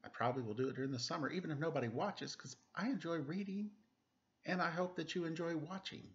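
Speaking quickly in a slightly high voice, a man in his forties reads a picture book to children at home, tossing in playful, chatty asides. The webcam audio is dull and lo-fi.

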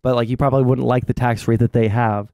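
A young adult man hosting a stream, explaining his political views casually in a measured, halting way. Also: medium pitch, fairly even intonation, darkish tone, dry recording, clean studio sound. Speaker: streamer host. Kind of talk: casual political discussion over a game stream. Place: small indoor streaming room. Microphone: close desk mic with headset.

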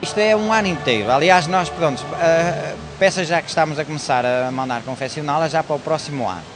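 A man's voice: a little high, fast talker, music in the background. A middle-aged man with a northern Portuguese accent answering interview questions, hesitant, with many fillers and restarts. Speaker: company director.

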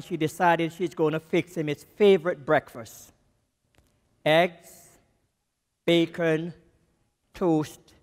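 A man with a Jamaican accent delivers a sermon at a slow, emphatic pace, dropping his voice low to land each key word. His speaking voice sits high. Long reverb from the church hall trails behind him. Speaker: missions speaker preaching.

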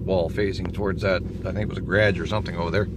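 A man's voice: low voice, fairly even intonation. A man hosting a travel vlog, chatting casually in a folksy, joking way from inside a car. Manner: folksy, joking, drawn-out remarks. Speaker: vlog host. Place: inside a moving car on winter roads. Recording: muffled with loud road noise.

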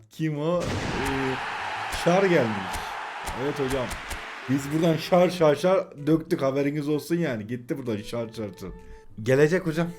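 A man in his twenties commentating a late-night mobile game stream, excitable and swinging between groans and shouts. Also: mid-range voice. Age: 20s. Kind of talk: live pack-opening stream commentary.

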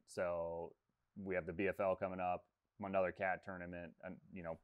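A man in his thirties, a fishing guide, talking casually on a video call with lots of fillers. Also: deep voice. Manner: relaxed, rambling, many fillers. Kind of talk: casual interview talk. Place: room with textured ceiling. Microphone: video call webcam.

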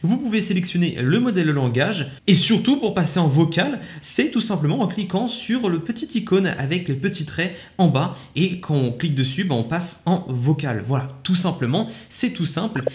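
A man with a slightly higher-than-usual voice talks through an app demo in a relaxed, chatty vlog manner. He walks the listener through each step, sprinkling his sentences with casual fillers. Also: moderate pace, few pauses. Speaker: tech YouTuber testing an AI app. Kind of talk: casual tutorial commentary.

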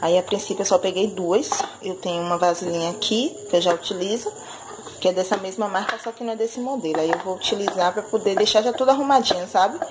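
Talking fast in a mid-range voice, this vlogger runs down her monthly grocery list with fillers such as "né." She's a Brazilian woman in her thirties filming on a handheld phone in her kitchen, with background noise audible.

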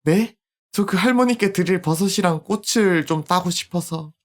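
Streamer as high-voiced wary little girl. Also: moderate pace, natural voice. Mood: wary, polite.

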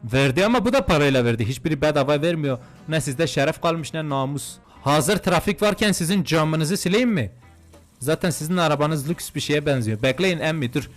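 A young man giving crude, joking commentary while playing a video game, swinging between muttered remarks and mock-outraged shouting. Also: fairly high pitch, lively intonation, fairly quick, soft background music. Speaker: gaming YouTuber. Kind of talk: comedic let's-play commentary.

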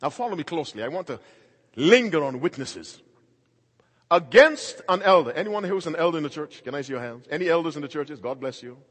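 A middle-aged male pastor preaching a sermon emphatically, moving between loud and quiet passages. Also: a little high, lively intonation, a little fast, husky. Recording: long hall reverb.

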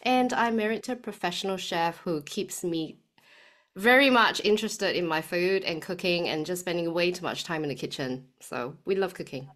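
Lower-voiced Singaporean woman guest. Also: normal speed. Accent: Singaporean with a slight New Zealand tinge. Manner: warm, chatty, frequent um fillers. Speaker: guest, health coach. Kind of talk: podcast interview.

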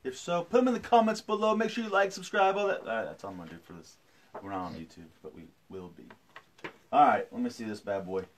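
A thirties dad reads a picture book aloud to his daughter on a live stream, his pitch swinging up and down as he goes. He keeps things playful, dropping jokey asides between the lines and jumping high for quoted voices. A faint hiss sits under the recording. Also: animated, fast talker. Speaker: father reading to his daughter. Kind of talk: live-streamed storybook reading.

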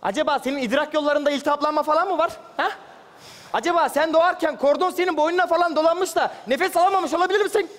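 Quick mocking male comic, high voice, live stage. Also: a bit bright. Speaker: comedian playing a hospital orderly. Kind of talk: stage sketch comedy. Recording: live stage, hall reverb, audience.

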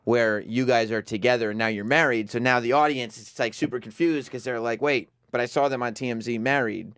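A man's voice: mid-range voice, fairly quick, a bit bright, dry recording, studio quality. A man hosting, asking a guest curious questions. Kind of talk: interview chat.

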